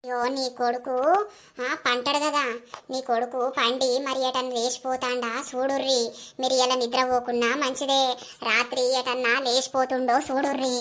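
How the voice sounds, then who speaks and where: A woman voicing a shrewd, bossy village neighbor in a cartoon, speaking briskly and commandingly. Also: high voice, flat delivery, fairly bright tone. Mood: scheming.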